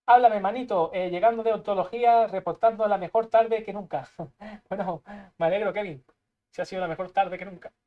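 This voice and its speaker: A young man from Spain with a Spanish accent, giving live gameplay commentary, excitable and swearing, muttering to himself as he plays. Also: high-pitched, brisk, phone-quality sound. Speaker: streamer.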